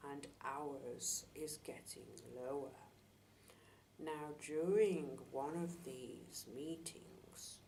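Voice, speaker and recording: A woman as a seance medium in trance, voicing a solemn spirit guide in a halting, hushed, half-whispered delivery with long pauses. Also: sits low. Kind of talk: seance channelling, slow solemn discourse. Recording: distant mic, clear background hiss.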